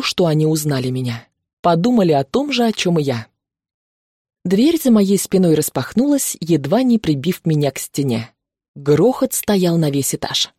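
A woman narrating a novel in the first person, expressive and lively. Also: lowish voice, husky, no room sound, clean studio sound.

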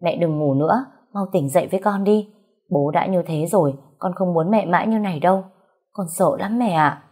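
Female reader voicing a devoted young daughter, soft and earnest, low husky tone. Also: moderate pace.

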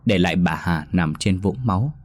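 A man narrating a scripted ghost story in a steady storytelling manner. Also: sits low, moderate pace.

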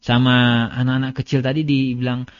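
A man's voice: mid-range voice, flat delivery, fairly quick, no room sound. A man, a religious teacher, giving a casual lesson in a chatty, storytelling way and reading out Arabic passages. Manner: conversational, storytelling with everyday examples; reads Arabic text aloud. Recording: dull, dry lo-fi lecture recording.

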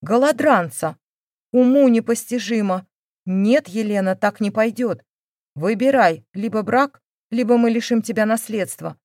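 A woman's voice: on the low side, normal speed, no room sound, clean studio sound, natural voice. A woman voicing a domineering older mother who scolds her daughter, raising her voice in indignation. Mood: indignant. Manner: scolding, raised voice.

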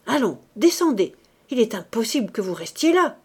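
A woman voicing a protective older mother who scolds quickly and sharply in a read-aloud novel. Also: a little high, sing-song, breathy edge, full character voice. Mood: scolding.

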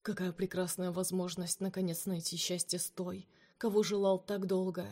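A woman's voice: on the low side, level tone, normal speed, a little mellow, close to an everyday voice. A woman voicing a bitter, jealous man who speaks in a cold, cutting way. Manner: cold, cutting, at times hissed.

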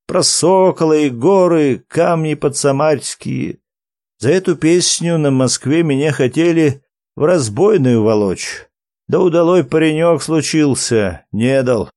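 A man voicing an old wandering minstrel who tells his tale in a fond, drawn-out folk manner. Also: a little high, a little mellow, dry recording, studio quality. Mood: telling. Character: old male wandering minstrel, gentle storyteller.

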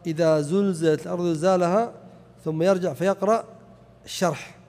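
Giving a lecture on a religious text, an Islamic teacher recites examples to back up every point. He speaks fairly quickly with a high, darkish voice and fairly even intonation, in a space with long hall reverb.

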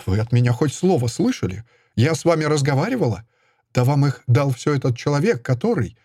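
A shrill, self-righteous Soviet woman official, as a male audiobook reader puts her on, pitched well above his own voice and swooping widely. She shouts her accusations in a triumphant sing-song. The voice stays husky and dry. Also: sing-song, brisk, no echo. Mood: indignant.

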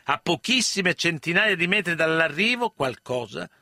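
A man hosting a radio history program, narrating a scripted story in a measured, dramatic way. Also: on the high side, expressive, gravelly, pushed and bright, a little hiss or hum. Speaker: radio host.

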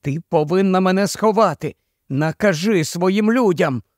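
Man doing a runaway young lady, urgent and hissy, higher voice, dry sound. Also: a little slow, a little mellow, no room sound. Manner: urgent, hissing, pleading.

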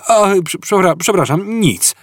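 A man's voice: mid-range voice, sing-song, moderate pace, no echo, studio quality, voice pushed up. Arthur Dent, a man doing a stammering flustered Englishman. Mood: flustered, indignant. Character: flustered, indignant young Englishman.

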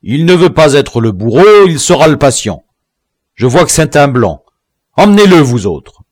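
A man's voice: fairly high pitch, sing-song, normal speed, darkish tone, no echo, clean studio sound, voice pushed up. A man voicing an impatient, angry male rebel chief in an audiobook, giving curt commands. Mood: scornful. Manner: barking, commanding.

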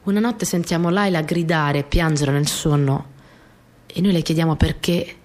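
An actress playing a small, earnest, easily flustered young wartime partisan courier, telling her story in an intimate, expressive radio drama monologue. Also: low voice, moderate pace, close to an everyday voice. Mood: earnest, reflective.

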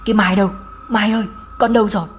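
A woman's voice: medium pitch, steady tone, fast, a little hiss or hum, close to an everyday voice. A woman voicing a grief-maddened old mother who wails and cries out. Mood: wailing. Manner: wailing, crying out.

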